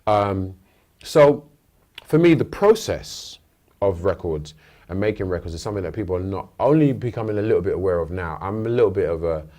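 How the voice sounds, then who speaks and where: Deep-voiced British man in interview. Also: animated, fairly quick, warm tone. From United Kingdom. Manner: thoughtful, rambling with restarts. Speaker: interview guest, rapper. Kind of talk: casual interview chat. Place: radio studio.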